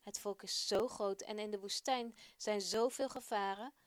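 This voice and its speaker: A woman presenting a children's radio program, reading a story aloud in a friendly, expressive way. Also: medium pitch, moderate pace, dry recording.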